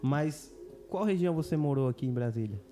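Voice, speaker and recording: Dark-voiced chatty podcast host. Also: male voice, medium pitch, animated, fairly quick. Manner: loose, chatty, slangy. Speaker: podcast host and voice-over artist. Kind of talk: casual podcast hosting.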